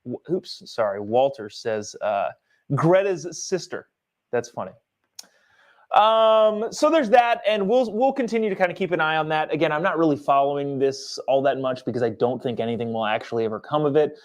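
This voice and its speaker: Animated man hosting a political livestream. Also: on the high side, moderate pace. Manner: animated, reads viewer comments aloud. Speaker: livestream host. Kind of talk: casual political commentary.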